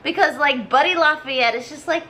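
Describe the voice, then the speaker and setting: A woman with a high-pitched voice tells a comic story at a moderate pace, tipsy and rambling drunkenly in casual slang. She animatedly acts out the characters with slangy dialogue, while the background is noisy.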